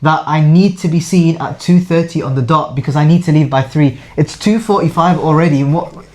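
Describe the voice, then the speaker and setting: A man playing a frustrated, indignant dental patient in an interview role-play, confrontational and quick to interrupt. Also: fairly high pitch, darkish tone, natural voice.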